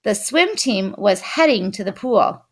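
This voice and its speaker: A woman expressively reading a children's picture book aloud. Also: medium pitch. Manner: expressive, unhurried. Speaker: storyteller.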